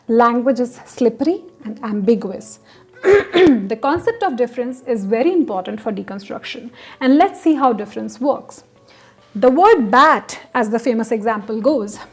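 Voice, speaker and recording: A woman lectures as a literature teacher, her voice a little high and husky. She repeats example sentences with the stress moved each time. Hesitant fillers break up her explanations, and faint music plays behind her.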